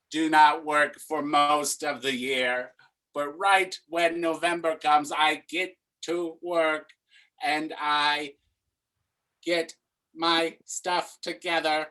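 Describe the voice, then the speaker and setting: A man playing a robot Santa in an improv dating game, speaking in a stiff, robotic, metallic way with halting, clipped phrases. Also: on the high side, bright, forceful tone, low-quality recording. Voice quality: robotic, metallic-sounding delivery.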